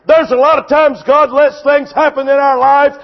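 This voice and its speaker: A man preaching a sermon, impassioned and often shouting, with a repetitive preaching cadence. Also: very high voice, level tone, normal speed, lo-fi sound.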